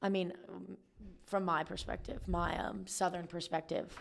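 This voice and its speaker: A young woman from Georgia co-hosting a podcast in casual chat, relaxed and hedging, full of "like". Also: on the low side, moderate pace, gravelly. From Georgia, United States. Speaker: podcast co-host.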